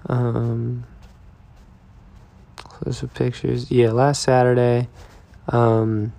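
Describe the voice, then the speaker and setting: Stoned young guy rambling slow, gravelly and mellow. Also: mid-range voice, completely flat delivery. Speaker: vlogger. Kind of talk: casual video diary.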